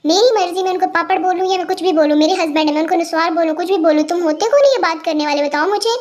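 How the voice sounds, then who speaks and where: A woman voicing a sharp-tongued, dramatic middle-aged mother in a fan audio story, scolding and complaining. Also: extremely high pitch, quick pace.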